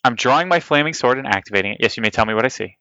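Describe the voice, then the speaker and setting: A man plays a tabletop game, chatting casually and eagerly declaring his moves. His voice is bright and forceful, mid-pitched, on slightly dull, dry audio. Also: expressive, rapid-fire. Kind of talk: casual, animated game talk.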